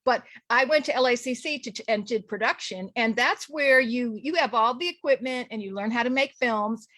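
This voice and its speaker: A middle-aged woman from Los Angeles talks as a radio interview guest. She is chatty, full of fillers and restarts, with a fairly high voice. The sound is dry and close. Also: moderate pace, fairly bright tone, dry recording.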